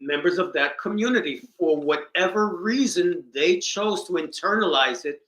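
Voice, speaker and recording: A man with a high, bright voice talks casually and tells stories with lively energy. He acts out the people in his story. The recording has a roomy echo. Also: normal speed. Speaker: podcast co-host. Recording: echoey room.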